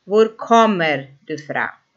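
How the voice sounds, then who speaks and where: A woman giving an informal pronunciation lesson who sounds out vowels slowly and repeats them. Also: lowish voice, lively intonation. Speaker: language teacher. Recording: dull lo-fi recording.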